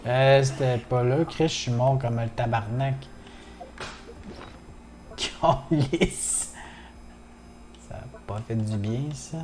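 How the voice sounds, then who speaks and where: Man, Québécois accent, gaming livestream, casual, swears a lot, warm dark tone. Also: medium pitch, slow pace, pauses often. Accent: Québécois French. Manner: swears often, chatty, greets viewers in chat. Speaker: streamer.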